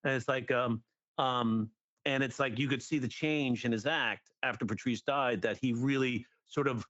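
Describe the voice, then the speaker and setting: A middle-aged man, a guest comedy writer and teacher, in casual podcast chat, lively and acting out jokes as he explains them. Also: medium pitch, moderate pace, no room sound, dull audio. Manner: animated, acts out jokes and quotes.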